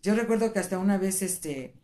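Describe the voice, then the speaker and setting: An older woman with a Mexican accent, the host's mother, telling family anecdotes in a lively way and acting out the dialogue. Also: medium pitch, fairly quick. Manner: lively storyteller who laughs often and acts out quoted dialogue.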